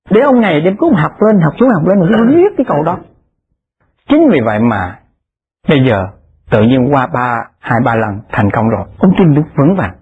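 Husky man's lively dharma talk. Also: a little high. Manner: animated, acts out the people in his stories. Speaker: Buddhist lay dharma speaker. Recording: tinny lo-fi phone-like recording.

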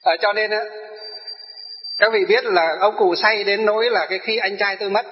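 Male storyteller, high-pitched and emphatic, echoing phrases for an audience; long reverb, dull lo-fi. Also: steady tone, normal speed. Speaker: spiritual master telling his life story. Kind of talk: personal testimony to an audience.

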